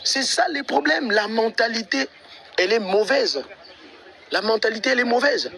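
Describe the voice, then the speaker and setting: A man's voice: very high-pitched, lively intonation, normal speed, creaky, bright, forceful tone, some chatter behind. A man out of breath, walking residential streets outdoors and talking to his livestream viewers in an exasperated, repetitive way. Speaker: livestream vlogger.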